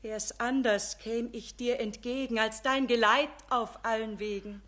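An actress playing a sick, weak woman in a nun's habit, pleading gently in a Bavarian accent with a feeble voice. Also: a little high, steady tone. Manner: slow, imploring. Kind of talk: radio play acting.

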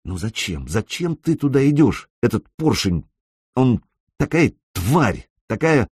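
A man reading an audiobook, voicing a young woman gamer who is anxious, clingy and quick to scold. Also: medium pitch, big pitch swings, darkish tone, breathy edge, no echo, clean studio sound.

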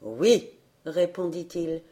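A woman reading a folk tale aloud in a calm, measured narration. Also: fairly low pitch. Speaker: audiobook reader.

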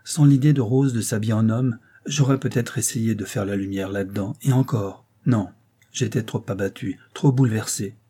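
A man's voice: fairly low pitch, moderate pace, mellow, slightly rough. A man reading the part of a distraught young engineer, speaking in a pained, shaken way. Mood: pleading.

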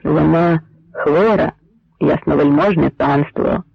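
A man's voice: a little high, slow, creaky, slightly rough, no echo, heavily acted. A man voicing a frightened but cunning old village man who pleads and whispers with a trembling voice, on a dry, slightly muffled recording. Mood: pleading.

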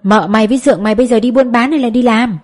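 Woman voicing loud gossiping village woman, blunt, teasing, quick questions, storybook reading. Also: a little high, lightly acted.

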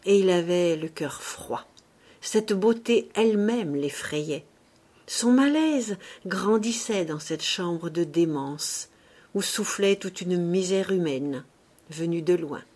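Slow, measured female audiobook narrator. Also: lowish voice, lively intonation, a little mellow. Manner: measured, grave storytelling. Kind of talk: scripted narration.

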